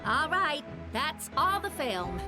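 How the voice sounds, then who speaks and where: A woman's voice: high voice, big pitch swings, slow, exaggerated voice. A woman playing an eager young event photographer in a video game, bubbly and encouraging. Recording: game music behind.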